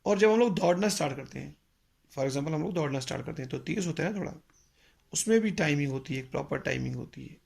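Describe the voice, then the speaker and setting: A man teaching a music lesson, explaining slowly and patiently with pauses and mixing in English phrases. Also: a little high, animated, vocal fry, a little mellow. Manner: mixes English phrases into Hindi. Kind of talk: spoken lecture.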